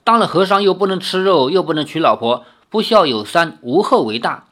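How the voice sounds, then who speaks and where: A reader voicing a brash, hot-tempered young male swordsman who fires off quick, mocking retorts. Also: mid-range voice, expressive, fairly bright tone.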